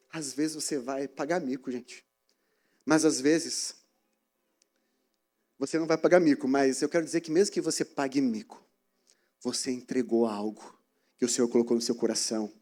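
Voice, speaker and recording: A man preaching a sermon in a church, telling stories in an animated way. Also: medium pitch, moderate pace, pauses often. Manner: animated storytelling, acting out scenes.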